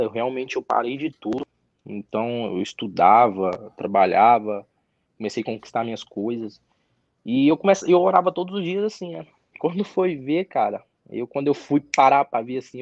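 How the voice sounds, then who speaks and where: Young male athlete guest, mid-pitch, casual halting storyteller; dry, muffled sound. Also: a little mellow, no echo. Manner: halting, repeats words and restarts, frequent tag questions. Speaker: interview guest, professional footballer. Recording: dry, slightly dull audio.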